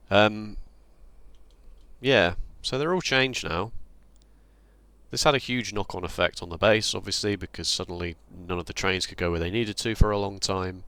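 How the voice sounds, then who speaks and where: A man's voice: sits low, fairly bright tone, clear, resonant tone, dry recording. A man hosting his gaming channel, explaining his setup step by step in casual commentary with dry, self-deprecating humour. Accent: British. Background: faint background music.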